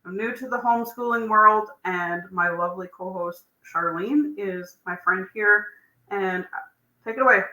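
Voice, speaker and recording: A woman's voice: medium pitch, normal speed, sharp tone. A woman from Northern Alberta co-hosting a casual video chat, cheerful and laughing easily. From Northern Alberta, Canada. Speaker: co-host. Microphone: video call. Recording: echoey room.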